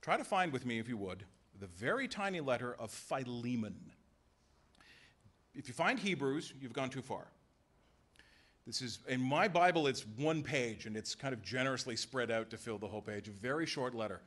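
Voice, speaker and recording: Emphatic, lively male preacher. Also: mid-range voice, normal speed. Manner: emphatic preaching with rhetorical questions and voiced asides. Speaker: pastor. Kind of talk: sermon. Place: church sanctuary.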